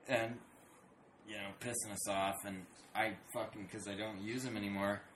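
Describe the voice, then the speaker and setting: A man co-hosting a podcast, telling stories in casual chat, swearing a lot and acting out animated impressions. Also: on the low side, normal speed. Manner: profane storytelling, animated impressions. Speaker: podcast co-host. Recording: roomy echo with clear background noise.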